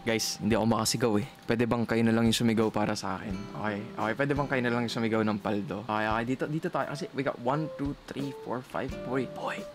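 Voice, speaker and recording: A man from the Philippines streaming a game, excitedly talking to his chat and mixing English with Tagalog. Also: mid-range voice, quick pace, hardly any pauses. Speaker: gaming streamer. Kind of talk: casual gameplay commentary to chat. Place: indoors at someone else's house, keeping voice down. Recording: clear game music under voice. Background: background music.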